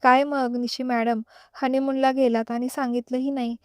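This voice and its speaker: A woman's voice: high-pitched, level tone, normal speed, darkish tone, clean tone, no echo, clean studio sound, close to an everyday voice. A woman reading a storybook voices a cheerful young woman friend who teases and chatters. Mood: teasing. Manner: teasing, chatty.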